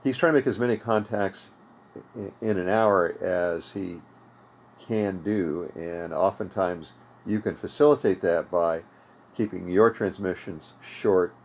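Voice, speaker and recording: An older American man hosts an amateur radio tutorial series from his home radio room, explaining things in an informal, unscripted, conversational style. His voice sits low, and he speaks a little slowly.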